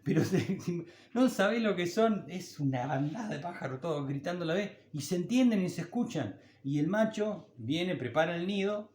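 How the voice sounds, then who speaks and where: A man's voice: sits high, expressive, normal speed, a little mellow, roomy sound. An older man with an Argentine Spanish accent, preaching a sermon as a pastor in a conversational, folksy way with homely anecdotes.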